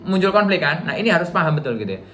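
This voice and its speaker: A man's voice: fairly high pitch, lively intonation, very fast, a bit bright. A middle-aged man giving a relationship seminar to a live audience in a casual, chatty way, acting out little dialogues. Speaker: workshop trainer.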